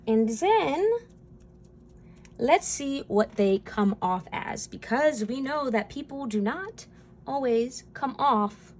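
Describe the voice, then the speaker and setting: A woman's voice: medium pitch, slight background noise. A woman giving a casual spoken tarot reading, chatty and rambling, with frequent fillers and easy laughs. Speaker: tarot reader.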